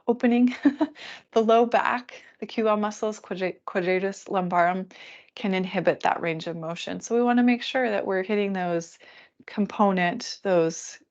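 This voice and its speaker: A woman teaching a restorative yoga class, calmly counting breaths and giving relaxed, chatty cues. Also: medium pitch, moderate pace, dull audio.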